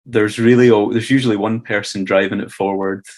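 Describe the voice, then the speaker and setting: Low-voiced Scottish man, easygoing chat. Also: fairly even intonation, brisk, a little mellow. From Scotland. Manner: easygoing, hedging with "sort of" and "kind of". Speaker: podcast co-host. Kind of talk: casual chat.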